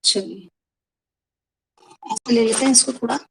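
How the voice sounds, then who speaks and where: Lady teacher on an online class, fairly high voice, keeps repeating examples, calls the kids beta. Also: unhurried, vocal fry, fairly bright tone, a little hiss or hum, low-quality recording. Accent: Indian Hindi. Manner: mixes English words into Hindi explanation. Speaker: school Hindi teacher.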